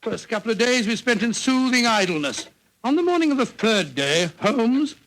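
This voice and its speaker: An actor playing a genial elderly English doctor in a radio drama, avuncular and blustering, with a British accent. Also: male voice, sits high, fairly bright tone, low-quality recording. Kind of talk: 1940s radio acting.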